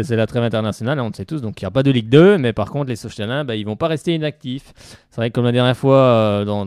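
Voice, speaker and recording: Male sports radio co-host, rapid delivery, steady run-on sentences, dry close sound. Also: medium pitch, no room sound. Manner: reports news in quick, steady run-on sentences. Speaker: radio co-host, club news reporter. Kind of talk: live radio sports talk. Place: radio studio.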